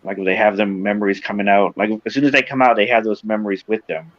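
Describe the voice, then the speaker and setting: A man chatting casually as a co-host, halting and searching for his words. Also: fairly low pitch, fairly even intonation, highs cut off. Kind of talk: casual chat.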